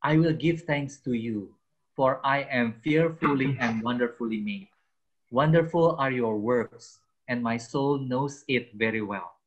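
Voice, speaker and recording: A man in his sixties tells his life story to a youth group, switching between his own language and English. His talk is chatty and self-mocking. He has an ordinary mid-range voice on a slightly dull, lo-fi recording. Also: medium pitch. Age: 60s. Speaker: guest speaker, theology teacher. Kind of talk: personal testimony to a youth group.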